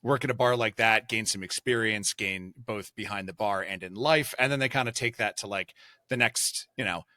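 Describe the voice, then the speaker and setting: A man hosting a casual podcast, rambling and excitable, with lots of fillers. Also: fairly low pitch, moderate pace, no echo. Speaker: podcast host.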